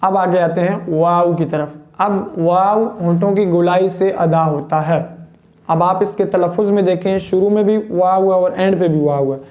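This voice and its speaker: A man's voice: sits high, fairly even intonation, darkish tone, highs cut off. Patient man teaching pronunciation. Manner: patient, demonstrates each letter sound slowly. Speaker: Quran recitation teacher. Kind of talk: step-by-step pronunciation lesson.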